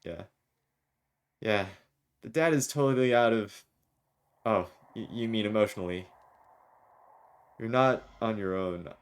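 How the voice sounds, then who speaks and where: A man streams a story game and reads its text aloud, breaking off into rambling jokes. His voice sits low. He takes his time. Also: unhurried, long pauses, clear, resonant tone. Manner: jokey, rambling, reads lines with small voices. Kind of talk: let's play commentary, reading game dialogue aloud.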